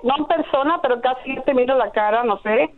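A middle-aged woman caller with a high voice, pushing her point in an insistent, preachy way. She heard over a tinny, narrow phone line. She keeps talking over the host. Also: brisk. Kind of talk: call-in radio chat.

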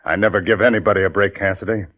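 A man's voice: low voice, fairly even intonation, rapid-fire. An actor playing a cold, smug gunman and gambling boss in a 1950s radio western. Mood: smug, menacing. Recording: muffled old 1950s radio recording.

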